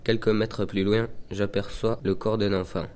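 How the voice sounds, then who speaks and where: A man's voice: fairly low pitch, little pitch movement, moderate pace, darkish tone, a little hiss or hum, lightly acted. A man playing a plain-spoken young postman. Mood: matter-of-fact. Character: young postman, new on the job. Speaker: narrator of a postman character. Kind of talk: first-person dramatic reading.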